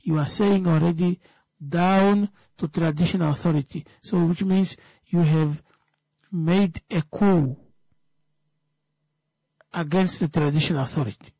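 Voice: mid-range voice, a little slow, long pauses, mellow, no echo, rough recording. A speaker with a Namibian accent giving an impromptu political talk, emphatic, repeating phrases and answering their own rhetorical questions.

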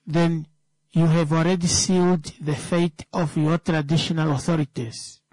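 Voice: mid-range voice, steady tone, normal speed, darkish tone, no room sound, poor audio. A speaker with a Namibian accent giving an impromptu political talk, emphatic, repeating phrases and answering their own rhetorical questions.

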